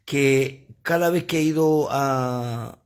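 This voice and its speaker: A man preaching a livestreamed sermon on his phone, animated and full of asides to the viewers. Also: mid-range voice, slow pace, smooth.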